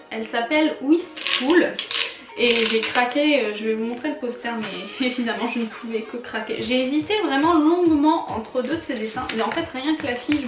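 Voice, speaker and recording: A young woman talks in a high, lively voice, gushing over her purchases with lots of fillers and little laughs. She is recorded in an echoey room at home, with faint music under her voice. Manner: chatty, enthusiastic, frequent fillers and laughs. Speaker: vlogger. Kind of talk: casual haul vlog.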